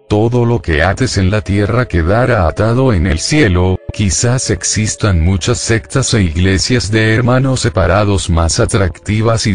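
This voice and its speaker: A man reading a scripted religious reflection in a measured, declarative way. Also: lowish voice.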